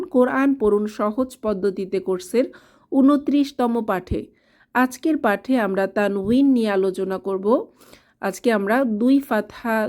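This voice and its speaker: A woman's voice: a little high, darkish tone. A woman teaching a Quran reading lesson, spelling out sounds and repeating drills. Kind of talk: slow, careful recitation lesson.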